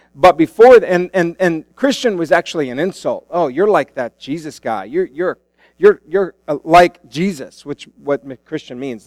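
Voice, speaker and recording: Male pastor, conversational sermon, high clear voice, pulpit microphone, dry sound. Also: no echo. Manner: informal, asks the congregation questions. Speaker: pastor preaching. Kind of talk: sermon, conversational Bible teaching. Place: church, speaking to congregation.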